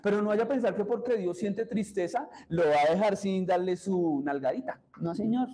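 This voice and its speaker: High-voiced, dark-toned pastor preaching. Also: male voice, normal speed, low-quality recording. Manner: engages congregation with questions. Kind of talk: sermon.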